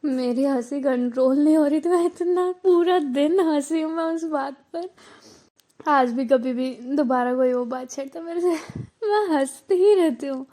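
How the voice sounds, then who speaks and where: A woman's voice: high-pitched, a little slow, mellow. A woman voicing a young female teacher who talks frankly and reasons things through while telling a story. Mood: amused. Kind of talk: storytelling role-play.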